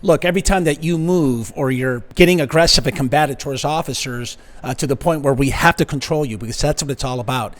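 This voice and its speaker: A man's voice: medium pitch, fast talker, hardly any pauses. A man in his fifties, a retired police sergeant, giving blunt, conversational commentary on a video.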